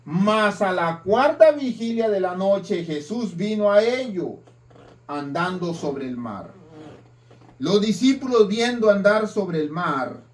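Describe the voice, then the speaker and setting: High-voiced preacher, slow sermon. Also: male voice, very animated. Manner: emphatic preaching with dramatic swings in loudness. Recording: distant mic.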